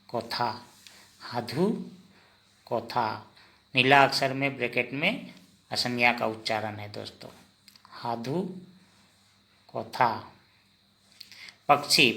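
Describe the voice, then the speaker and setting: A man teaching vocabulary in a slow lesson, asking the listener each word and then repeating the answer. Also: mid-range voice, vocal fry, bright, forceful tone. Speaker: language teacher.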